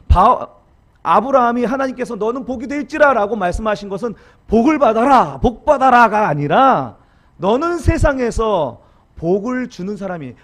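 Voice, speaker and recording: A middle-aged man preaching a sermon as pastor, talking with the congregation and having them repeat after him. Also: sits high. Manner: acts out harsh example quotes in dramatic voices; call-and-response with congregation.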